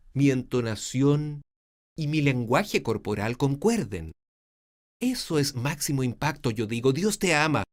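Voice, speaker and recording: A man giving a lecture on preaching, speaking in a clear, measured teaching manner. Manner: demonstrates pitch and volume shifts, swinging from soft to loud. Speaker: preaching instructor. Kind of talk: homiletics lecture with spoken demonstrations.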